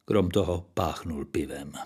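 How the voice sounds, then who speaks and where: Deep-voiced man telling a story drily. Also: a little mellow, slightly rough. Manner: dry, ironic storytelling. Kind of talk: storytelling reading.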